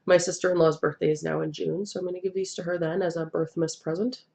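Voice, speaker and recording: Seated on her couch indoors, a thirtysomething woman with a cold chats through her knitting video podcast, rambling, self-deprecating and full of ums. She speaks quickly in a flat, creaky, slightly mellow voice on the low side, recorded by a webcam at desk distance.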